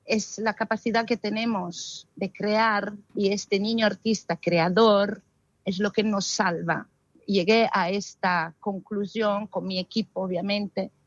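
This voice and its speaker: A woman's voice: medium pitch, no room sound, lo-fi sound. A woman from Italy, answering interview questions expressively with frequent hesitations. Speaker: guest, arts festival founder.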